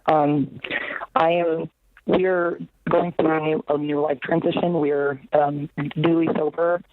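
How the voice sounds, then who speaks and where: A woman calling in to a talk show over the phone, speaking nervously and haltingly with many fillers. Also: low-pitched, little pitch movement. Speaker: caller. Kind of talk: call-in talk show caller. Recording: tinny phone line with faint noise.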